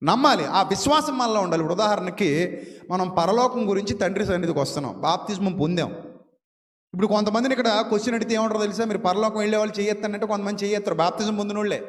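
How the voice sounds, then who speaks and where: Man, preacher, high voice, long hall reverb. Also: very fast. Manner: preaching with rhetorical questions and shifts of loudness. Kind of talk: sermon.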